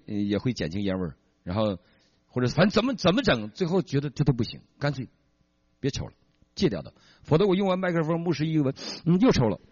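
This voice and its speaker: A man giving a sermon-style testimony, telling his story in an animated, dramatic way on a dull recording. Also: fairly high pitch, husky, no room sound.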